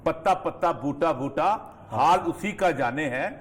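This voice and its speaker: A man from Pakistan giving emphatic, lecturing political commentary on a TV studio talk show. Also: a little high. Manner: emphatic, lecturing, rising forcefully on key points.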